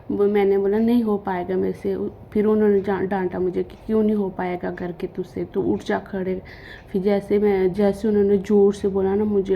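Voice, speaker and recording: A young woman speaks casually a week after giving birth, rambling and restarting her sentences with lots of fillers. Her pitch stays steady and flat. The recording is slightly dull, with a faint hiss behind her. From Himachal Pradesh. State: recovering a week after childbirth. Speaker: vlogger. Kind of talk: casual personal storytelling.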